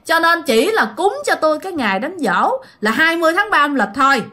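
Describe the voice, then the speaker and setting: A woman voicing the restless ghost of a middle-aged uncle, high, wailing and insistent. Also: sing-song, fairly quick, bright, forceful tone, full character voice.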